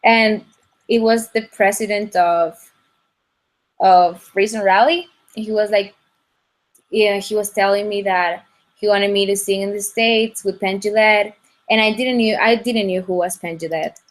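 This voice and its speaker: A young woman from Ecuador talks in a casual interview. Her English comes in halting bursts, full of restarts and fillers. Her voice comes through a video call. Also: medium pitch, steady tone. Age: young adult. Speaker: guest singer.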